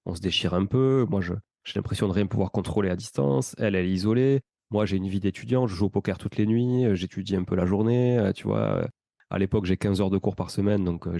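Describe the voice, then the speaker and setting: A man in his thirties with a Toulouse accent, telling his life story as a podcast guest in a relaxed, rambling way with many fillers. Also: sits low, fast talker, creaky, dry recording, clean studio sound. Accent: Toulouse French. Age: 30s. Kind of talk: casual conversational storytelling.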